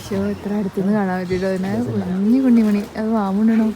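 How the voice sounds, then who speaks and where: A woman chatting excitedly as she vlogs her visit to an animal park, mixing in English words. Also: medium pitch, fast, noisy background. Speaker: vlogger. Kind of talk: casual vlog narration. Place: outdoor wildlife park with rain.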